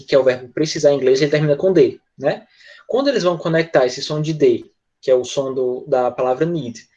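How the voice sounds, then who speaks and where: A male English teacher explaining pronunciation in an online class, patient, often checking in with quick tag questions. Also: fairly high pitch, darkish tone, highs cut off.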